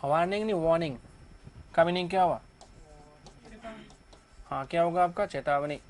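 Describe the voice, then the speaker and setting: A high-pitched man is teaching a grammar lesson to a class. He fires questions at the students and answers them himself. He talks in a drilling, repetitive classroom manner. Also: moderate pace, slight background noise. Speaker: English teacher.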